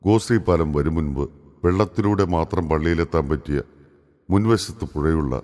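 Deep-voiced man narrating history. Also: moderate pace, in a large hall. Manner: lively, chatty storyteller.

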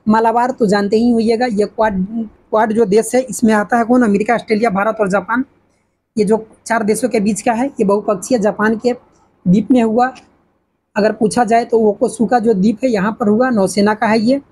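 A woman's voice: on the high side, steady tone, normal speed, dark tone, slightly rough. A woman teaching an exam-prep lesson, asking questions and answering them herself. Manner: repetitive, asks and answers her own questions.

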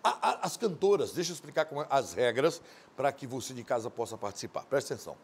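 A man hosting a TV show, delivering loud, mocking studio commentary, shouting at times and acting out quoted voices. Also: mid-range voice, lively intonation, quick pace, husky. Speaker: TV host.

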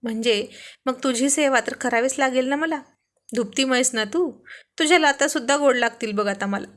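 A woman's voice: high-pitched, normal speed, close to an everyday voice. A woman voicing a playful, teasing young husband in a read-aloud story. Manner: teasing, affectionate.

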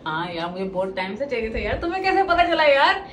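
A woman's voice: on the high side, very animated, fast. A woman chatting casually in a vlog, gushing and saying yaar constantly. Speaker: vlog co-host. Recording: echoey room, off-mic, noisy.

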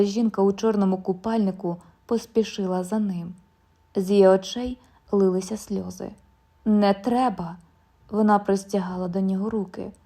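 A woman narrating a literary audiobook in a measured, calm storytelling manner. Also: medium pitch.

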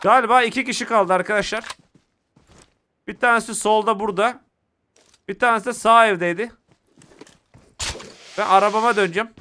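A man with a Turkish accent giving excitable live commentary while playing a mobile shooter and talking to his viewers. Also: high voice, fairly quick, pauses often, slight background noise. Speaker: mobile game streamer.

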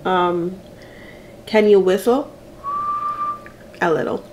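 A woman's voice: on the low side, takes it slowly, background noise. Chatty woman in her thirties. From Jamaica. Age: 30s. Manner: chatty and playful, laughs often, answers her own questions. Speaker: mukbang vlogger. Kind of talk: casual chat answering get-to-know-me questions while eating.

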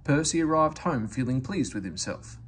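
Animated, husky man reading a storybook. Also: medium pitch, moderate pace. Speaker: storybook reader. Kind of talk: animated read-aloud narration of a children's story.

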